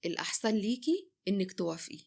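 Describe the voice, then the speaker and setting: A woman's voice: mid-range voice, very animated, fast talker, gravelly, a little mellow. A woman with an Egyptian accent voicing a young ex-husband who is cold, controlling and insistent. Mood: coldly insistent. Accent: Egyptian Arabic.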